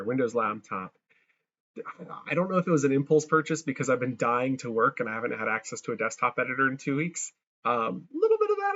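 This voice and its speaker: A man's voice: mid-range voice, fairly bright tone, muffled recording. Man with crunchy distorted audio. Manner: chatty, thinks aloud while clicking through steps. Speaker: tutorial creator. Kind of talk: casual screen-recorded software tutorial. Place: abroad, working on a laptop.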